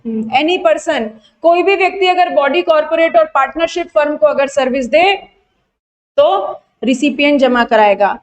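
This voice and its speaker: A young Indian woman teaching an online tax revision class, asking her students quick questions and answering them herself, mixing Hindi with English terms. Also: high voice. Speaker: GST exam tutor.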